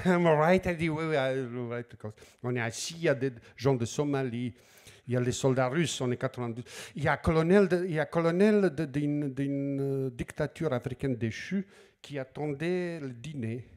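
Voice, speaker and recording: A man's voice: medium pitch, moderate pace, a little mellow. A middle-aged man with a Slavic accent, an author telling anecdotes at a public talk, acting out quoted lines and repeating words as he searches for them. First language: Slavic language. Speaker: author speaking at a library talk.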